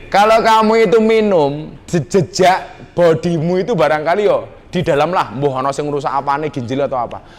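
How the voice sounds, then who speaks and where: In a nightclub hall before a live crowd, a middle-aged Javanese-accented man preaches in a teasing, jokey way, sprinkling in Javanese slang. His voice sits on the high side, and he speaks at a moderate pace with few pauses.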